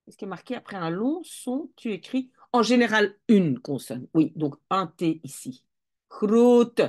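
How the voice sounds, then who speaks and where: A woman's voice: mid-range voice, sing-song, normal speed. A woman teaching Dutch spelling rules, explaining step by step and often correcting herself as she thinks aloud. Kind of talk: casual explanatory lesson.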